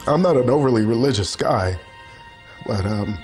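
A survivor recalling his escape in an interview, speaking slowly, quietly and reflectively. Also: medium pitch, lively intonation, faint music behind. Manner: slow, quiet, reflective speech. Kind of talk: interview recollection.

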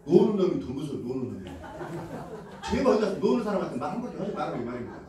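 A man's voice: a little high, very animated, rapid-fire, crowd noise. A man from Korea's Jeolla region giving a motivational lecture to a live audience, leading call-and-response and acting out quoted lines with frequent laughter. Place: lecture hall. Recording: echoey hall, heard from a distance.

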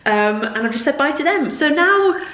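A woman's voice: high voice, sing-song, moderate pace, a bit bright. A young woman from northern England chatting casually to camera in a self-mocking way, her voice echoing like in a cave in an empty house. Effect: cave-like echo of an empty house. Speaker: vlogger. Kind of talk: casual vlog chat. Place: empty house, bare rooms indoors. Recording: echoey empty room, faint noise.

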